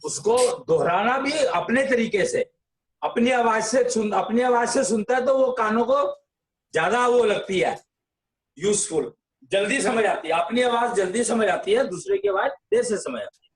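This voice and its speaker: A man's voice: high-pitched, animated, moderate pace. A man explaining tradition in a casual discussion, insistent and lecturing. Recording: echoey room.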